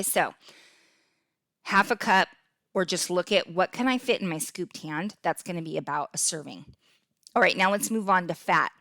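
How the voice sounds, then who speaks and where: A woman's voice: medium pitch, a bit bright, no echo. Casual fitness podcast lady, upbeat and chatty, keeps saying okay, dry close mic. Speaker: podcast host and fitness coach.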